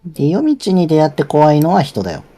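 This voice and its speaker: A man's voice: fairly high pitch, wildly swooping pitch, brisk, warm tone, soft background music. A man streamer, teasing his co-host in casual game banter.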